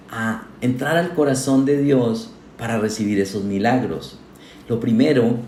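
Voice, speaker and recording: A man's voice: mid-range voice, darkish tone, slight background noise. A man, a pastor, preaching a sermon to his congregation, earnest and asking them questions directly. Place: church hall. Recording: echoey church hall.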